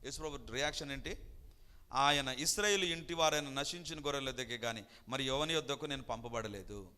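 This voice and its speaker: A man's voice: mid-range voice, a little fast, pushed and bright, clear, resonant tone. A man preaching a sermon with emphasis, acting out the voices of people in a Bible story. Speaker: pastor. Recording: long hall reverb.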